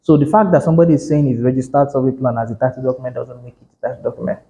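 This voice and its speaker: A man's voice: mid-range voice, racing, warm tone, rough recording. Man lecturing realtors. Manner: conversational, self-correcting, emphatic. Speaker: real estate instructor.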